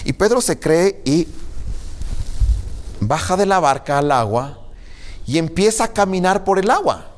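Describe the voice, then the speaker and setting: A man's voice: on the high side, a little slow, pauses often. A male pastor giving a sermon, reading scripture and retelling it with jokes and chatty asides. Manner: animated, jokey storytelling.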